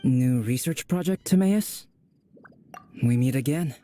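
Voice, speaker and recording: A man playing a calm, intellectual, subtly teasing young alchemist in an anime video game, measured and composed. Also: medium pitch, soft background music, close to an everyday voice. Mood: greeting.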